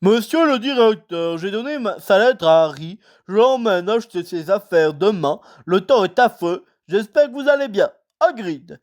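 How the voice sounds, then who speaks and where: A woman voicing a huge, hot-tempered male giant who booms out indignant outbursts. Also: expressive, moderate pace, hardly any pauses, a little mellow, close to an everyday voice. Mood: earnest.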